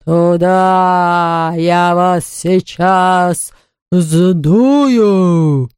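A woman voicing a boastful, spiteful icy ghost, stretching every word into a drawn-out howl. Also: fairly low pitch, a little mellow, clear, resonant tone, no room sound, clean studio sound. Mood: menacing. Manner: drawn-out, howling delivery.

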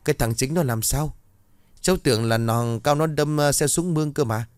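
A man voicing a gruff older clan elder who scolds and grumbles at his family. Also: lowish voice, lively intonation, brisk, dry recording, lightly acted. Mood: alarmed.

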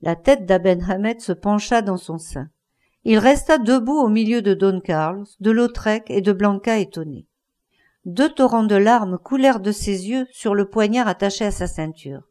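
A woman's voice: mid-range voice, normal speed, dark tone. A woman narrating a classic French novella as an audiobook reader, reading the characters' lines without much change of voice.

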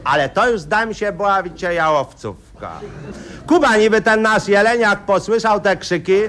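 A man's voice: high-pitched, normal speed, a bit bright. A man, telling a rambling, folksy satirical story full of fillers. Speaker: comic storyteller. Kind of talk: satirical radio monologue.

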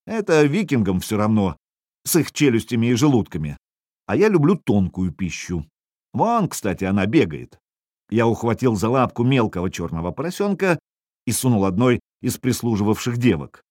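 Male audiobook narrator, lowish voice with a lively, swinging delivery, dry close sound, wry first-person telling. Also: normal speed, no echo. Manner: wry, expressive, voices the dialogue.

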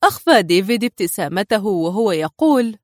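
A woman narrating a thriller audiobook in a dramatic, expressive reading style. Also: medium pitch, fairly quick, no room sound, clean studio sound.

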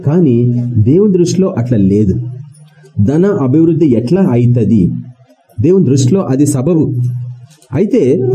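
A man's voice: medium pitch, mellow, rough recording. A man preaching a sermon to his congregation, firing rhetorical questions at them and repeating key words for emphasis. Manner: colloquial, mixes in English words.

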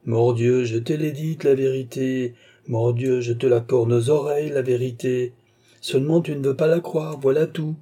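A man's voice: medium pitch, steady tone, normal speed, warm tone, lightly acted. A man voicing a vain old duke and marshal who answers his friend with ironic, theatrical insistence. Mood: insistent.

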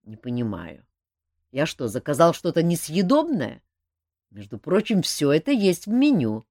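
A woman's voice: low-pitched, very animated, normal speed, warm tone, dry recording, clean studio sound, exaggerated voice. A woman voicing a nervous, sardonic male mage who grumbles dryly.

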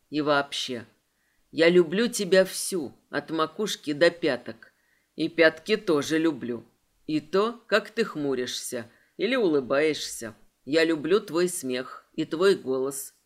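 A woman voicing a gentle young husband who speaks quietly and tenderly. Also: deep voice, voice pushed down.

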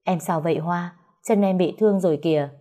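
A woman voicing a young husband who speaks flatly and reluctantly. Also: lowish voice, a little fast, lightly acted. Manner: flat, reluctant. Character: cold young husband, weak-willed.

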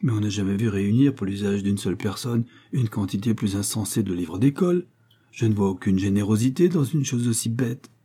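A vain, penny-pinching widowed aunt lectures her niece from the pages of a read-aloud novel, as a man puts her on. She talks down in a haughty, scolding manner that leaps up in pitch. Beneath it sits a low, dark, husky voice. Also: a little fast. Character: vain, stingy, pompous middle-aged widowed aunt.

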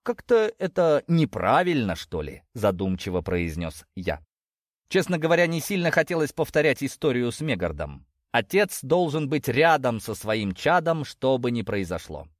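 A man reads an audiobook in a wry, measured way. His pitch moves in a lively way and sits at an ordinary level. The recording is dry with no room sound. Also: dry recording. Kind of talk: audiobook narration.

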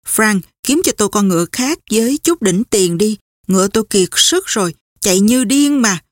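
A woman reading a brash young man on the run who talks fast and swears often, in an audiobook. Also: mid-range voice, lively intonation, dry recording, studio quality, lightly acted. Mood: hurried. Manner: rough, swearing, hurried.

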